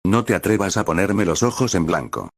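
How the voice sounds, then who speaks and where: A man's voice: low-pitched, expressive, fairly quick, dry recording, studio quality. A man voicing a rude, impatient young female trainer who talks in a scornful, sarcastic way while reading a story aloud. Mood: irritated.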